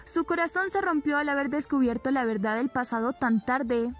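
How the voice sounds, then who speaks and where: A woman's voice: high-pitched, normal speed, close to an everyday voice. A woman reading the lines of a young woman pleading for her love in an earnest, slightly raised voice.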